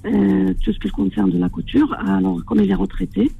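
An older woman from Morocco calling into a radio show, speaking in a halting, hesitant way with frequent apologies. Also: medium pitch, steady tone, vocal fry, warm tone, slightly rough, rough recording. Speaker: caller. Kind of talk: phone-in chat.

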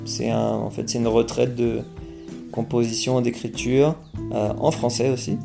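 A young Frenchman, a singer-songwriter appearing as an interview guest, speaks casually at a moderate pace in a low, warm voice with some vocal fry. He hesitates a lot, restarting sentences and using fillers, yet sounds relaxed and mellow throughout. Faint music plays in the background.

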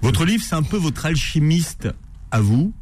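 A man's voice: fairly high pitch, very animated, a little slow, a little mellow. A man hosting a book show, interviewing a guest in a conversational way and asking leading questions. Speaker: host, interviewer.

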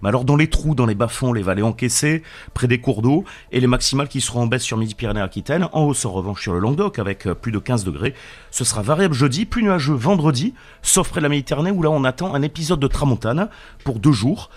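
A man's voice: medium pitch, lively intonation, fast. A man in a radio studio presenting the weather forecast in a chatty, joking way, with small hesitations and fillers.

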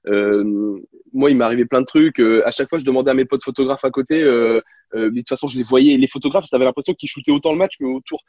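Fast-talking husky French man. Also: medium pitch, dry recording, highs cut off. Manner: animated anecdotes with many fillers and restarts. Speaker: guest, former basketball reporter. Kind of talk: casual interview storytelling.

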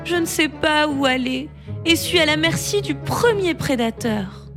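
A woman's voice: high voice, lively intonation, a little slow, over music, pitched above the performer's own voice. A woman voicing a small injured bird who asks politely and timidly for shelter, in a French storybook tale. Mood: pleading. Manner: polite, pleading.

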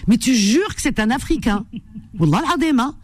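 Lively high-pitched woman radio host. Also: normal speed, no room sound, studio quality. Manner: animated, laughing, teasing. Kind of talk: lively radio call-in chat.

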